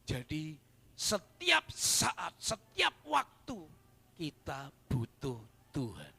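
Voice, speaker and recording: A man preaching a sermon at a church service, dropping to soft murmurs and rising to loud fervent shouts. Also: on the high side, huge pitch swings, drawn-out words, creaky, breathy edge. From Indonesia. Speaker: pastor.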